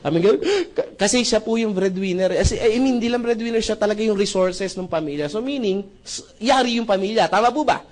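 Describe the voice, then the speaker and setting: A man with a high-pitched voice talks a little fast as he pitches membership benefits to a live audience in a jokey sales talk. He keeps checking in with the crowd through rhetorical "tama ba?" questions and calls them brothers and sisters.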